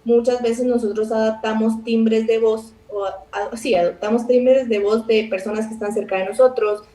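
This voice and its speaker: A Guatemalan woman, a psychologist guest, calmly explaining with everyday examples in a radio interview. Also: on the high side, normal speed. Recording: roomy, distant from the mic.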